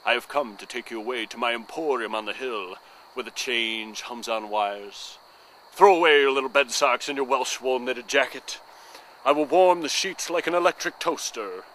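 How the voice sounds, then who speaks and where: A lovesick draper pours out earnest, rapturous wooing, as a man acts him out in a stage monologue. The voice sits at an ordinary pitch but has a bright, pointed edge. A faint hiss runs under the recording. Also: normal speed, lightly acted, rough recording. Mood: ardent. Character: lovesick male draper, ardent and fussy. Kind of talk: theatrical monologue.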